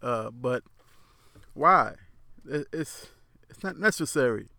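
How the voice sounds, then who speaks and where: A man's voice: medium pitch, expressive, takes it slowly, bright, forceful tone, no room sound. A man with a lisp giving his frank opinions in a casual monologue, rambling and repeating words as he goes. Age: adult. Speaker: commentator.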